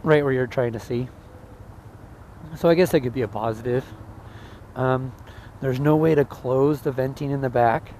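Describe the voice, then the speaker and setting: Guy doing a casual motovlog review inside his helmet while riding, normal pitch, lots of traffic noise. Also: normal speed, long pauses, a little mellow, rough recording. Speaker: motorcycle vlogger reviewing gear. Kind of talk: casual chat, spoken review. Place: outdoors on a moving motorcycle. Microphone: mic inside a helmet. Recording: helmet mic with clear traffic and vehicle noise. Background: vehicle and road noise.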